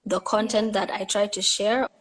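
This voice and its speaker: A woman chatting as a guest singer-songwriter on a live stream, soft-spoken and hesitant, feeling cold and shivering. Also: mid-range voice, steady tone, moderate pace, crowd noise. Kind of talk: casual chat. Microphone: phone on a live stream.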